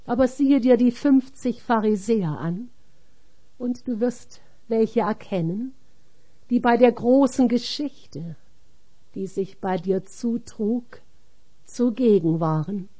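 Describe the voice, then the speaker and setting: Very slow, solemn woman reader. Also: a little high, mellow. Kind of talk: slow scripted reading of a religious text.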